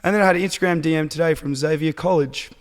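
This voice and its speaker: An Australian man co-hosting a podcast, telling stories in a relaxed way and laughing often. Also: on the high side, fast, long reverb tail. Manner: laid-back storytelling, laughing often. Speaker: podcast co-host. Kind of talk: casual chat.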